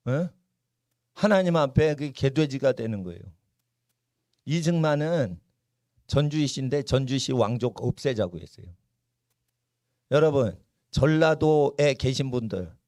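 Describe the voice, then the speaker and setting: Fiery pastor, raised voice, dry sound. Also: male voice, a little mellow, dry recording. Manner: emphatic, keeps asking the crowd "예?"; chanting prayer rising in pitch. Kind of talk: fiery political sermon and prayer. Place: church service.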